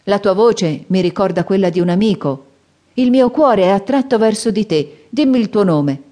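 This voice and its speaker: Woman narrator as a young outlaw man, earnest, affectionate, mellow tone. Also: mid-range voice, lively intonation, moderate pace, pitched above the performer's own voice, lightly acted.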